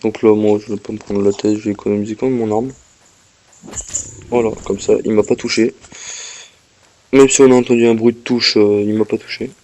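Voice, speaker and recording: A man's voice: on the low side, little pitch movement, fairly quick, long pauses, dark tone. A man casually commenting on his game as he plays, explaining each step to viewers and talking to the game, a little ill. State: slightly ill, coughing. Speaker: gameplay commentator. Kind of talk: casual gameplay walkthrough commentary.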